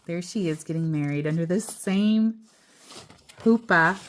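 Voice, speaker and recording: Short phrases, deliberate pauses, and casual asides mark this woman's children's book reading. She tells the story in a lowish voice.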